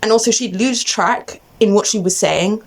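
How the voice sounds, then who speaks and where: A woman's voice: mid-range voice, moderate pace. Exasperated young woman ranting casually. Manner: agitated, exasperated venting with abrupt stops. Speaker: vlogger. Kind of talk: casual unscripted rant to camera.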